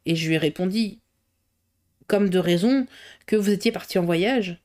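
A woman's voice: medium pitch, unhurried, darkish tone, lightly acted. A woman voicing a flustered, chatty middle-aged cook who rambles colloquially. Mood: gossipy.

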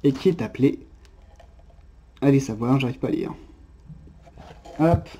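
Very dark-voiced man chatting through an unboxing. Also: medium pitch, a little hiss or hum. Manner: unhurried, chatty, peppered with "hop" and hesitations. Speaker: unboxing presenter. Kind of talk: casual unboxing narration.

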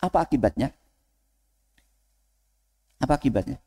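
A man preaching to students in a lively way, asking the audience questions and then answering them himself. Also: mid-range voice, moderate pace, husky. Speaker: Islamic preacher. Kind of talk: lecture to students. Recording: long hall reverb.

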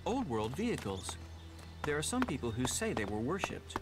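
A man playing an emotionless male companion soldier who speaks in a stiff, robot-like way, heard in game audio with loud background noise. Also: medium pitch, big pitch swings, moderate pace, close to an everyday voice. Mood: flat, formal.

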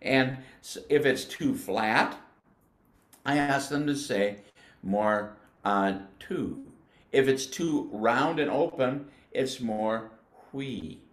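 A patient older man from the United States walks beginners through band technique, explaining step by step and stretching out syllables as he demonstrates them. His voice sits in an ordinary middle pitch and rings a little in an echoey room. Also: takes it slowly, a bit bright. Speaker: music educator. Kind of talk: instructional demonstration.

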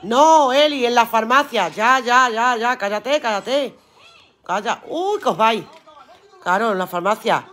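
A woman's voice: fairly high pitch, measured pace, a bit bright, some chatter behind. Brief: woman, live-stream seller, chatty and earthy, swears casually, laughs a lot. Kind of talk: casual live-stream chat reading viewer comments aloud.

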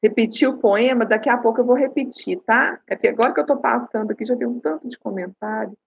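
Husky Brazilian woman giving parenting tips. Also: a little high, fast talker, highs cut off. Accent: Brazilian Portuguese. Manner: talks straight to viewers, tags lines with "né?" and "sabe?"; reads out viewer comments and answers them. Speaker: parenting educator hosting a live stream. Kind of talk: casual live-stream advice talk.

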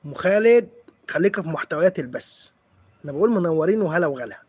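A man's voice: a little high, animated, fast, darkish tone, breathy edge, no room sound. A man with an Egyptian accent hosting a live stream, chatting playfully with viewers and teasing them as he answers comments. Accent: Egyptian Arabic.

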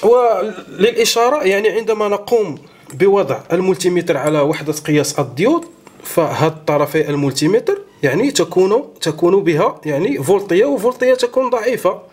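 A man hosting an electronics tutorial, explaining a hands-on demonstration step by step and often pausing with fillers. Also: high-pitched, lively intonation, darkish tone, husky. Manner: explanatory, keeps saying "look" to viewers, frequent hesitations.

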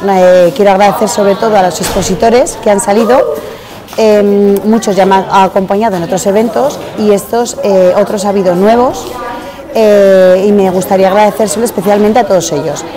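A woman in her forties speaks at an ordinary pitch, pausing often with "eh" as she reflects on an event she organized. Clear chatter from a crowd fills the hotel hall around her. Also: steady tone. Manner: hesitant, many fillers. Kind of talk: on-camera interview. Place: busy hotel function hall at an expo.

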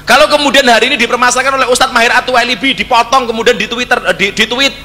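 A man's voice: very high-pitched, very fast, bright, forceful tone, big-room sound. A middle-aged man with a Javanese accent giving a humorous religious talk, joking and teasing with Javanese asides. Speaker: preacher.

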